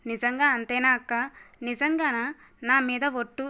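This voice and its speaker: A hurt, stubborn younger sister from a storybook, reproachful and pleading in a high, clear voice, read out by a woman narrator. The recording sounds slightly muffled. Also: fairly even intonation, normal speed, pushed and bright.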